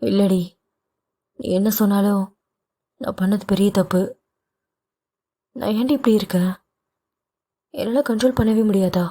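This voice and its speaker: A remorseful young husband pleads softly with his wife in this audio novel reading, voiced by a woman. The tone is mellow and warm, with a tender, scolding edge. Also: medium pitch, steady tone, unhurried, pauses often. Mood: guilty. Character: young husband, guilt-ridden and protective.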